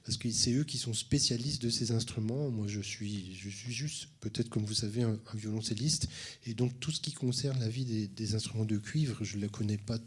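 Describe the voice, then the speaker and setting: A man's voice: lowish voice, moderate pace, breathy edge. A man who teaches cello, introducing the next piece at a concert and often restarting his phrases. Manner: hesitant, many restarts. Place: concert hall at a conservatory.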